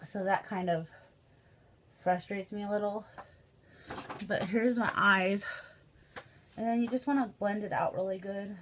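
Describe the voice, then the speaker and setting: A woman's voice: medium pitch, fairly even intonation, a little slow, long pauses, fairly bright tone. A young woman with a Midwestern American accent talks through her makeup in a loose, chatty way, full of ums and likes. Her nose is stuffed up and she sniffles now and then. A faint hiss sits under her voice. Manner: chatty, filler-heavy, says um and like often. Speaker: beauty vlogger. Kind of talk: casual makeup tutorial chat.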